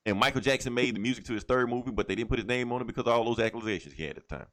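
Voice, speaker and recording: This man's mid-range, somewhat bright voice races along as he co-hosts a podcast. His movie talk is loose and frank, heavy on profanity and cheerfully irreverent.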